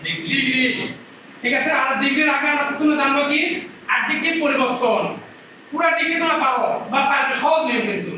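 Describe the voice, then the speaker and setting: A man's voice: very high voice, fast talker, bright, forceful tone, a little hiss or hum. A man teaching grammar in a classroom lecture, asking his students questions and answering them himself. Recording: echoey room from a distance.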